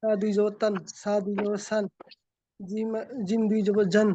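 A man student reciting letter drills in a steady, even way for his teacher. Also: high-pitched, moderate pace, slight background noise, poor audio.

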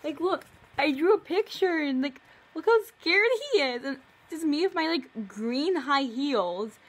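A young adult woman, recording as a video creator in her living room, reads her own story aloud in a casual, unhurried way. Her high-pitched voice is expressive, and she breaks off for playful, mock-indignant asides.

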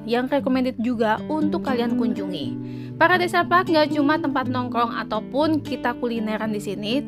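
A woman travel vlogger reading an upbeat, chatty scripted voice-over that keeps addressing her viewers as friends. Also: sits high. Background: background music.

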